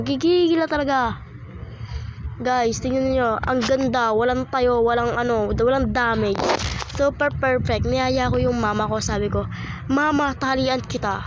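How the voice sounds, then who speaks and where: Young female vlogger, high voice, congested from a cold, playful, teasing chatter, faint background hiss. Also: fairly even intonation, moderate pace. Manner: playful, teasing, frequent laughing asides. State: stuffy nose from a cold. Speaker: content creator. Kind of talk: casual vlog chat.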